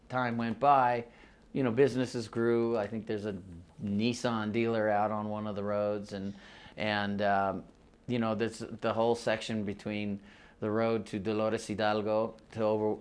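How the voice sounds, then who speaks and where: Man in his sixties reminiscing casually. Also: fairly low pitch. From US and Mexico. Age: 60s. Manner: rambling, laughs often, frequent restarts. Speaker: musician interviewee. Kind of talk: casual oral-history storytelling.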